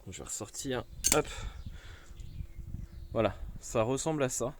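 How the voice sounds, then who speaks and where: A man's voice: medium pitch, a little slow, a little hiss or hum. A man casually explaining a car repair step by step, informal and slangy, talking straight to the viewer. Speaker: car mechanic tutorial host.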